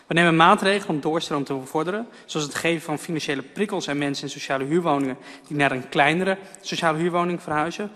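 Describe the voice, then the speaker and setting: A man's voice: a little high, quick pace, hardly any pauses, a bit bright. A man council member steadily reading through prepared points of a speech. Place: council chamber. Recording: long reverb in a council chamber.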